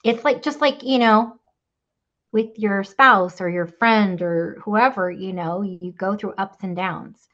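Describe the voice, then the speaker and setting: A woman's voice: mid-range voice, slow pace, a bit bright, lo-fi sound. A woman guest telling her faith story in a candid, rambling way, with many fillers and laughs. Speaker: podcast guest. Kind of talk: faith testimony conversation.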